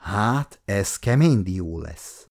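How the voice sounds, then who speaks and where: A man's voice: lowish voice, expressive, creaky, darkish tone. A male reader voicing a dry, matter-of-fact grown brother. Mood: wry. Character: wry grown brother, helpful.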